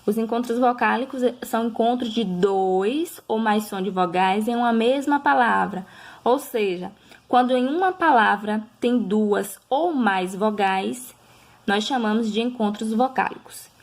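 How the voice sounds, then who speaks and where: Patient woman teaching children. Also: on the high side. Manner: slow, patient, drawing out example words syllable by syllable; checks in with listeners often. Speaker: primary school teacher. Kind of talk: recorded review lesson for children.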